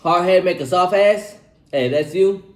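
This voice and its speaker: A man's voice: high-pitched, a little slow. A man in his twenties giving casual life advice in a slangy, laid-back way, repeating himself and tagging lines with "bro" while he eats. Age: 20s. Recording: echoey room.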